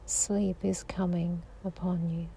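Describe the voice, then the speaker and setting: Woman, sleep meditation guide, soothing, half-whispered, gravelly, flat. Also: fairly low pitch. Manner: slow, soothing, drifting into whispers.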